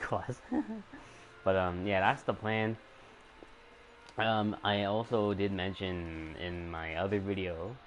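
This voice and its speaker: A young man chats casually while streaming a game, his voice sitting very low and quiet. He talks hesitantly, restarting sentences and filling pauses with ums and likes. A faint hum of ambience sits behind him. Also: low-quality recording. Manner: hesitant, soft-spoken, many fillers and restarts.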